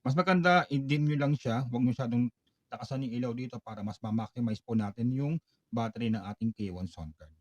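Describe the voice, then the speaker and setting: A man giving a product walkthrough tutorial, polite and explanatory, pausing now and then on fillers. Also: medium pitch, no room sound, lo-fi sound. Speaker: product demonstrator.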